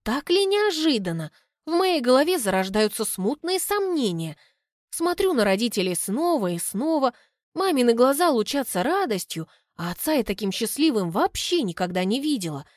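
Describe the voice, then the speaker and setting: A young woman narrating a novel in the first person with an expressive, lively delivery. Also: fairly high pitch, normal speed, no room sound, clean studio sound. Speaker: audiobook narrator.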